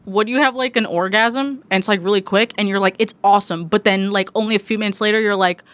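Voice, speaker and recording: A woman's voice: medium pitch, fast, dry recording. Chatty young woman in her twenties. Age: 20s. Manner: animated, swears freely, many restarts. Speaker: music journalist guest. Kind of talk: casual podcast conversation.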